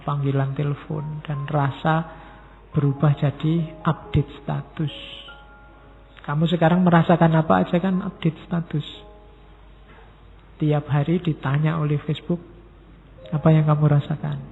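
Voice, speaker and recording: A middle-aged man giving a relaxed, conversational philosophy lecture and acting out sample messages. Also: a little high, creaky. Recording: thin phone-like sound in a reverberant hall.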